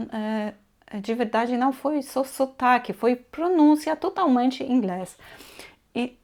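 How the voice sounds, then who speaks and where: Slow-talking woman. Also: fairly high pitch, a little mellow. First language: Polish. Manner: hesitant, searching for words. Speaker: co-host. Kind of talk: casual storytelling.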